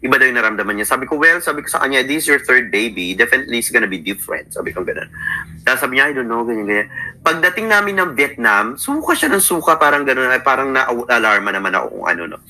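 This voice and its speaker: A man's voice: mid-range voice, lively intonation, fast talker, pushed and bright, rough recording. A man in his thirties with a Filipino accent, telling his life story in a casual chat. He sounds sleepy and keeps quoting what he and others said. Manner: storytelling, mixes Tagalog and English, quotes himself often. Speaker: interview guest.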